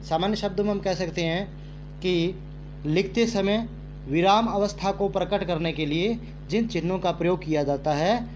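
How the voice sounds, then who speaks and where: A man teaching a grammar lesson to children, speaking slowly and repeating phrases for emphasis. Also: sits high, a little mellow, slight background noise. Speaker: Hindi teacher.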